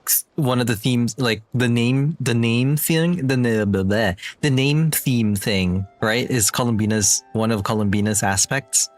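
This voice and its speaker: A man's voice: mid-range voice, a little slow, hardly any pauses, dry recording, faint music behind. Young man giving casual game commentary. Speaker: game streamer.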